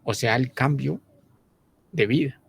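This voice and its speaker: A man giving a slow, measured lecture, pausing often and using fillers as he explains. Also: mid-range voice, creaky, slightly rough.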